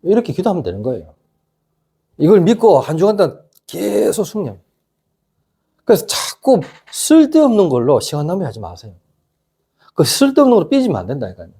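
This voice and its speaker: A middle-aged pastor preaching a casual youth sermon, constantly asking the congregation whether they agree. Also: male voice, high voice, huge pitch swings, brisk, pauses often, dark tone, slightly rough. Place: church youth service.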